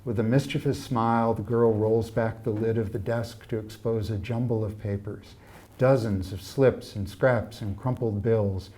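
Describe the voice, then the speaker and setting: A man reading from his own novel at a live literary evening, in a measured and expressive storytelling manner. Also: lowish voice.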